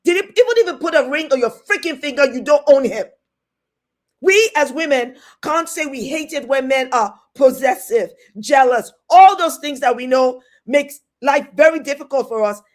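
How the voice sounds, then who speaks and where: Indignant high-voiced British woman ranting. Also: lively intonation, moderate pace. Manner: indignant, scolding, repeats herself. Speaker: host. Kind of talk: heated commentary rant.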